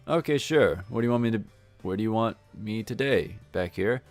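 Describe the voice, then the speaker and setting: A man's voice: on the low side, lively intonation, moderate pace, faint music behind. A man voicing a young male new resort worker who asks hesitant, awkward questions.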